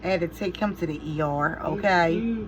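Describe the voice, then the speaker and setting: A middle-aged woman chatting casually to her viewers while doing her makeup, telling stories in an animated, exasperated way and swearing when frustrated. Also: fairly low pitch, normal speed, crowd noise, rough recording. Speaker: beauty vlogger and mother.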